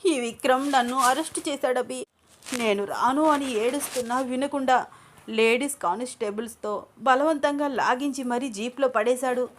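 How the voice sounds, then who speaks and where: A woman voicing a shrill, obsessive young woman. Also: normal speed, slight background noise, natural voice. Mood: sobbing. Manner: shrill, tearful, desperate begging. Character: obsessive jealous young woman, pleading and unhinged.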